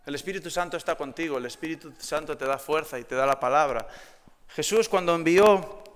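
A young man with a Galician accent preaches a sermon in a church hall, speaking fairly quickly in a slightly high voice. He tells personal anecdotes, then presses the congregation with rhetorical questions, and long hall reverb hangs on his words.

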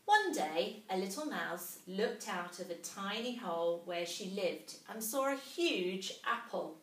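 In a small indoor classroom, a teacher with a mid-range voice reads a storybook to young children, animated and unhurried. A camera a few metres away picks her up, so the sound is roomy and distant.

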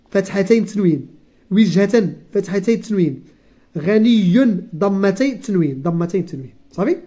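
A teacher with a Moroccan accent explaining a textbook lesson, repeating key words and reading textbook lines slowly. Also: mid-range voice, mellow. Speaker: primary school teacher.

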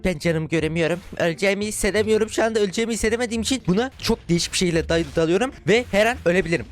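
A young man with a Turkish accent giving excitable gameplay commentary to his viewers, shouting in frustration and cheering during fights. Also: sits high, racing. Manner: loud bursts of frustration and cheering while fighting. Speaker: gaming YouTuber.

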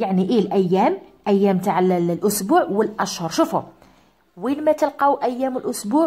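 A woman teacher with an Algerian Arabic accent stretches out each word and repeats it for her pupils. Her voice sits fairly high and swings widely in pitch. She moves now and then away from the mic. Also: warm tone. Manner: drawn-out repetitions of words for pupils. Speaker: English teacher. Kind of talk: classroom lesson.

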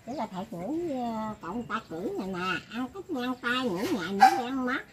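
A woman's voice: on the high side, big pitch swings, moderate pace, very noisy. An elderly woman talking in a rambling, casual way, often laughing as she speaks. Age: older. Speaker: elderly woman being interviewed.

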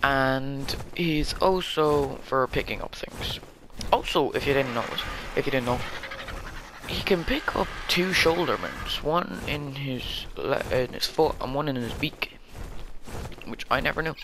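A man chatting his way through a gameplay session, rambling and joking at his own expense. His voice sits at an ordinary middle pitch, with game sounds clearly audible underneath. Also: animated, a little slow, background noise. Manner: rambling, jokey, laughs at himself. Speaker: gaming YouTuber. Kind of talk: casual gameplay commentary.

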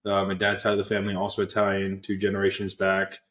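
A young app co-founder from Pennsylvania, USA, joins a video call as a guest on an earbud headset, earnestly telling his story in casual interview fashion with many fillers and restarts. His voice is low-pitched and fairly bright, completely flat and fast, and the small indoor room sounds roomy.

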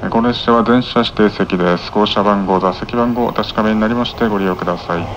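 A man's voice: on the low side, fairly even intonation, fairly quick. A man working as a train conductor, making clipped, formulaic live announcements. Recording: muffled train PA, clear vehicle noise. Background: moving train noise.

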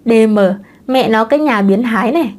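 A woman's voice: on the high side, fairly quick, a little mellow, natural voice. A woman voicing a vain, irritable thirty-year-old man in an audiobook. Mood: annoyed.

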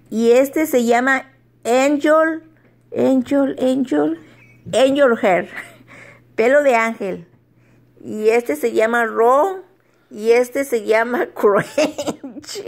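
Middle-aged woman vlogger, high-pitched, unhurried, giggly and homey. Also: creaky. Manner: chatty, laughs often, stumbles over English words. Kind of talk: casual home vlog.

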